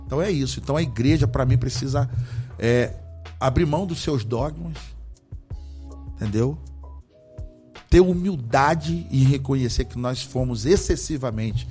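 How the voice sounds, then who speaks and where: A man's voice: medium pitch, normal speed, long pauses, warm tone, soft background music. A man from Brazil, an apostle guest, talking about faith in a fervent, preaching way and firing off rhetorical questions. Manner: fervent, emphatic, often asks rhetorical questions. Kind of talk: religious conversation with preaching.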